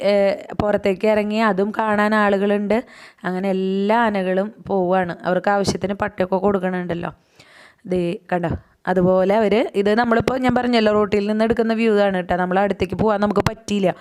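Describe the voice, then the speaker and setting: A woman's voice: medium pitch, a little mellow, smooth. A woman, chatting through a casual voice-over of a family outing with frequent asides to the viewer. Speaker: vlogger.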